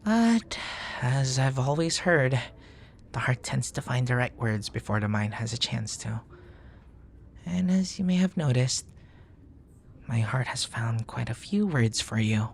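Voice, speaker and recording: A man plays a bashful, bookish young nerd in an intimate ASMR boyfriend roleplay, smitten and tender, using flowery, formal phrases. His mid-range voice is soft, breathy and very animated yet unhurried, with vocal fry, flustered hesitations, frequent drifts toward a whisper, and a little hiss or hum.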